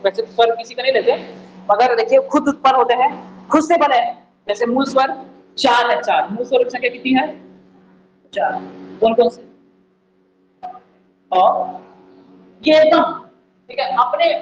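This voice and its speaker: High-voiced male teacher quizzing students. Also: lo-fi sound. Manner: repeats points and quizzes the listeners with questions. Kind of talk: exam-prep lecture. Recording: echoey room, faint background noise.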